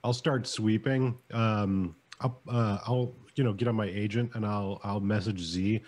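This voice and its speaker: Low-voiced man playing a tabletop game. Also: fairly even intonation, a little slow, a little mellow. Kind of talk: casual chat.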